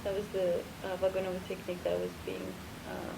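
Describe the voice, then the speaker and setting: A woman from Turkey, a dancer, giving soft-spoken interview answers with hesitant fillers. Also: lowish voice, very animated, quick pace. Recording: noisy recording.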